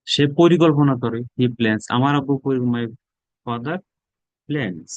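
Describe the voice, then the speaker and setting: A man's voice: mid-range voice, takes it slowly, no room sound, dull audio. A man with a Bangladeshi accent teaching a spoken English class. He drills words aloud and repeats them. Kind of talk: classroom lesson.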